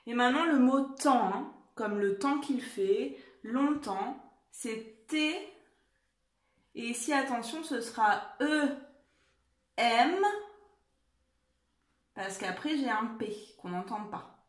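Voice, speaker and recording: A woman teacher giving a dictation lesson to young children, spelling out words and letters slowly and carefully. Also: a little high, echoey room. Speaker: primary school teacher.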